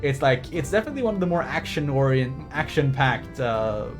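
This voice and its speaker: A very animated man with a medium-pitched voice talks fairly quickly while livestreaming a game. He reads text off the screen and breaks into rambling, excited chatter as music plays underneath.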